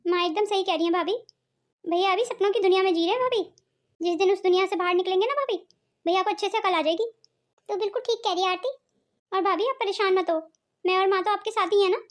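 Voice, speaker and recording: A woman's voice: very high voice, fast. A woman voicing a loyal young widowed sister in a cartoon family drama, who reassures her sister-in-law. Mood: reassuring.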